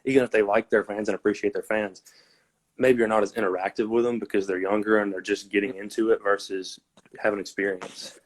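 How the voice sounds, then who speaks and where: A man's voice: fairly low pitch, level tone, fairly quick. A man calling into a livestream as a fan, talking earnestly and rambling with lots of fillers. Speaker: fan caller. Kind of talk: casual chat. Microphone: joining a phone livestream.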